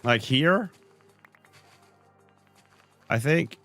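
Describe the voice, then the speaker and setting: A Danish streamer with a medium-pitched, fairly bright voice sounds animated and draws out his words, with soft music in the background. Feeling a little under the weather, he jokes and rambles to his chat while playing a game on a live stream.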